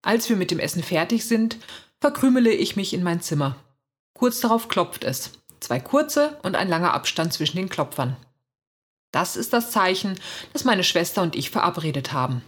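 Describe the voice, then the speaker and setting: Husky woman reading a storybook. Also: fairly low pitch, moderate pace. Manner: lively, expressive reading. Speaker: reader. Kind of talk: first-person storybook narration.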